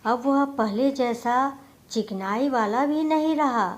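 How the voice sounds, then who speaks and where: A woman serves as narrator of a scripted story with a moral, her slightly high voice taking each line at a slow storyteller's pace.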